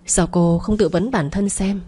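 A woman's voice: mid-range voice, fairly even intonation, a little slow, dark tone, breathy edge. A woman voicing a cold, scornful young man, rich son of the family, lecturing his father's mistress in an audio story. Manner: lecturing, contemptuous.

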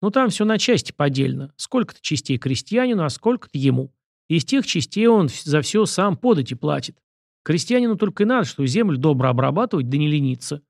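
A man's voice: fairly high pitch, big pitch swings, brisk, vocal fry, no echo, clean studio sound. A man voicing a proud, stubborn commoner who argues in a folksy, vehement way.

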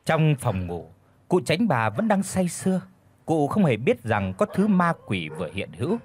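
A man's voice: a little high, huge pitch swings, normal speed, a little mellow, a little hiss or hum. A man narrating a ghost story with dramatic expression. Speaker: audiobook narrator.

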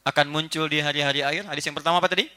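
A man giving a religious lecture to a live audience, animated and playful, acting out little household scenes. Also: fairly high pitch, very fast, smooth. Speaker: preacher.

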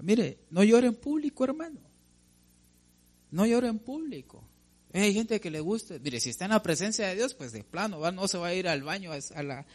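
Man preaching an emphatic sermon. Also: high voice. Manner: emphatic, questions the congregation and calls them brother.

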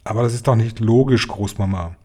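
A man's voice: lowish voice, fairly quick, dark tone, breathy edge. A man voicing a curious, anxious young boy in a storybook, asking eager, protesting questions.

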